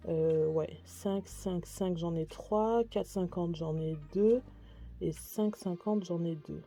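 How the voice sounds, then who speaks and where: Woman doing a casual haul vlog, chatty and gushy, warm mellow tone, quiet music in the back. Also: fairly low pitch, takes it slowly. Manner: chatty and gushing about purchases. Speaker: beauty and lifestyle vlogger.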